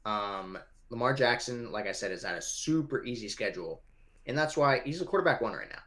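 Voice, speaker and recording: A man's voice: medium pitch, lively intonation, fairly quick, a bit bright. A young man co-hosting a casual fantasy football show, talking loosely and animatedly with some swearing. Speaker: podcast co-host. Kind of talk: casual sports chat.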